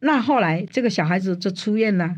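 An older woman from Taiwan, a guest in an interview telling her faith story in an animated way, often using the filler sounds "hā" and "āi". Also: fairly quick. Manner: animated storyteller, frequent "hā" and "āi" fillers, rising pitch in tense moments. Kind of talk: personal faith testimony in an interview.

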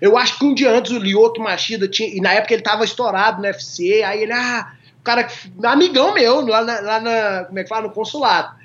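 Dull lo-fi audio captures a fast-talking man with a high, somewhat bright voice. He's a guest from a small town in Minas Gerais, Brazil, casually telling humorous stories and frequently breaking into laughter.

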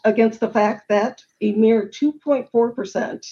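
This middle-aged panel guest discusses supplier diversity in a webinar, earnestly explaining a problem through statistics and listed figures. Her voice is a little high and a little slow, with a dark tone, in a muffled recording.

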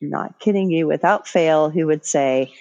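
A woman's voice: low-pitched, measured pace, darkish tone, lo-fi sound. A woman middle school teacher co-hosting a podcast, telling chatty anecdotes with laughs. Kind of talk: casual chat.

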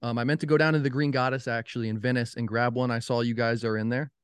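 A man's voice: mid-range voice, fairly even intonation, fast, clear, resonant tone, no echo. A man hosting a podcast, easygoing and chatty with frequent fillers. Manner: friendly, easygoing, hesitant with fillers. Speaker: podcast host. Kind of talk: casual interview talk.

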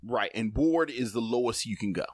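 A man co-hosting a podcast in casual chat, explaining a card game with animated, laughing energy. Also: medium pitch, normal speed, dry recording, clean studio sound. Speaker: podcast co-host.

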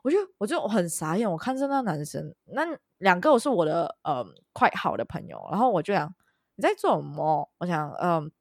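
A woman's voice: on the low side, very animated, a little fast, few pauses, no echo, studio quality. A woman co-hosting a casual chat, telling a long story and dropping English words into her speech. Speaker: podcast co-host.

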